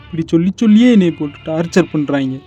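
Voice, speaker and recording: A man's voice: lively intonation, fast, mellow, slightly rough, soft background music. A man playing a wounded, weary father. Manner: hurt, weary, low-spoken. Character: father, humiliated at work and heartbroken. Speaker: father of two daughters. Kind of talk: family short-film drama.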